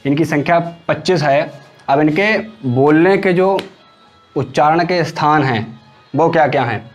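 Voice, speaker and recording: A male teacher leads an exam-prep grammar lesson in a fairly high voice. He sounds out each syllable slowly and repeats it for his students to copy. Faint music runs under his voice.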